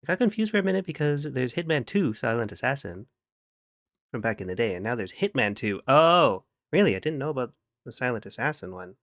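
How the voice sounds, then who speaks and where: A man's voice: medium pitch, sing-song, brisk, a bit bright, dry recording, studio quality. Playful man humming through a live stream. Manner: playful, giggly, hums and scats to himself while working. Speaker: streamer chatting with viewers. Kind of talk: casual live-stream chat.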